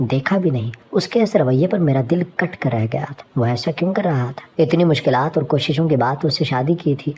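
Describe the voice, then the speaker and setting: A woman tells a first-person moral story in a steady, plain reading voice. Her tone is dark and mellow, and a faint hiss of noise sits under the voice. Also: rumbling low.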